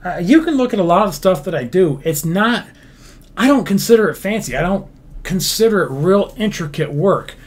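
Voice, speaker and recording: This game builder hosts a laid-back livestream in a high-pitched, expressive voice at an ordinary pace. Profane and blunt, he reads viewers' comments aloud and fires back answers, wandering through fillers and false starts.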